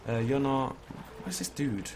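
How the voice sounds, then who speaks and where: A young man, hungover with a slightly hoarse voice, chatting in an informal, rambling, self-critical way as he vlogs over a video game. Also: mid-range voice, a little slow, darkish tone. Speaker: gaming video creator. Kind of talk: casual vlog chat over gameplay. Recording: clearly noisy background ambience.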